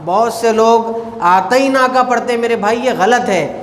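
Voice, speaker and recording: A man's voice: extremely high pitch, slight background noise. A man giving a Friday sermon in a mosque, explaining pronunciation and repeating his phrases, often calling listeners brother. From India. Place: mosque hall. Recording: echoey mosque hall with faint ambience.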